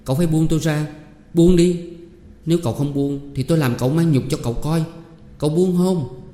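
A man's voice: medium pitch, a little fast, dark tone, lightly acted. A man voicing a proud poor young woman who answers firmly and with indignation. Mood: indignant. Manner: indignant, firm. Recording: echoey room with long reverb.

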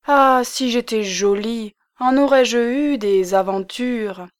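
A woman's voice: fairly low pitch, lively intonation, unhurried. A woman voicing a plain middle-aged spinster cousin who makes dry, knowing remarks. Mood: wry.

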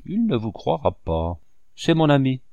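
A man's voice: mid-range voice, wildly swooping pitch, a little slow, vocal fry, dry recording, highs cut off, pitched above the performer's own voice, full character voice. Man voicing Michaud, an ironic scheming swindler. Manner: ironic and quietly threatening. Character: scheming middle-aged man, villainous swindler, veiled menace.

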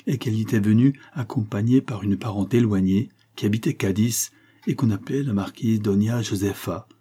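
A man narrating a classic novel in a steady, measured audiobook reading. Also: fairly low pitch, breathy edge.

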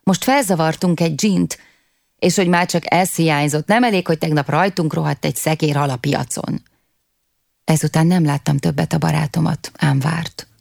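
A young man recalls his childhood in a wistful, confiding way, speaking straight to his listeners, as a woman reads him in an audiobook. The voice sits low with a gravelly edge. The recording is close and dry, with no room sound. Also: fairly even intonation, darkish tone, dry recording. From half Turkish, half Kurdish (figure). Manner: wistful storytelling, addressing listeners. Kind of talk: audiobook reading.

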